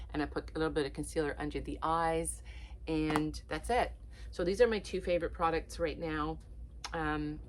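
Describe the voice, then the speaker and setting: A deep-voiced woman in her late fifties, originally from Portugal, chats casually to camera as a lifestyle vlogger, with slight background noise behind her. She's warm and encouraging, and her speech is sprinkled with ums and likes.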